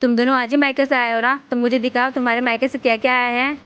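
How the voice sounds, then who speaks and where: Actress for a demanding mother-in-law, smooth and high, dry lo-fi recording. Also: little pitch movement, fast talker, a bit bright, no room sound, lightly acted.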